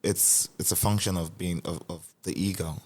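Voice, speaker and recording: Deep-voiced male podcast host. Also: fairly even intonation, moderate pace, a little mellow, slightly rough. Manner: probing, conversational, repeats words when starting. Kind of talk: casual interview conversation.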